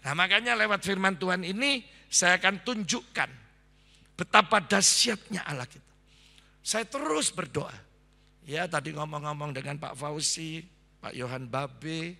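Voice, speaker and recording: Gravelly, bright-voiced preaching man. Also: fairly high pitch, a little slow. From Indonesia. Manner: animated, acts out quoted voices, addresses the congregation as "saudara". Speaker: pastor. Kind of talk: sermon. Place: large church hall. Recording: long church-hall reverb.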